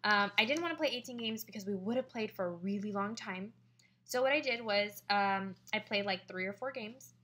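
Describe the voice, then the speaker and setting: A young woman chatting to camera about a party she hosted, excitable and full of fillers. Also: medium pitch, moderate pace. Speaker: direct sales consultant sharing party tips. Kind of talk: casual vlog monologue.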